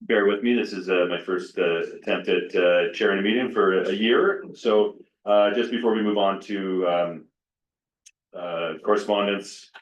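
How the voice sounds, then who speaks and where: A man formally chairing a council meeting as deputy mayor, with a halting, hesitant delivery. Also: deep voice, steady tone. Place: indoor council chamber. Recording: roomy, distant, dull meeting microphone.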